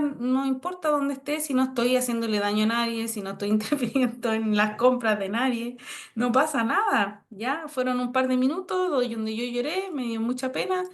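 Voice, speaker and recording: A woman, giving an online psychology lecture in a conversational way and often checking in with her listeners. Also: fairly high pitch. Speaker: course instructor, psychologist.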